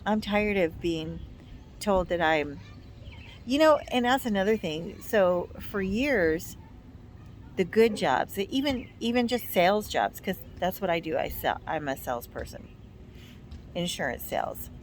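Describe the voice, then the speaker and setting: A woman's voice: medium pitch, lively intonation, unhurried, slight background noise. An American woman in her fifties chatting casually and giving blunt, emphatic, complaining opinions. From United States. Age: 50s. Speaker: vlog co-host.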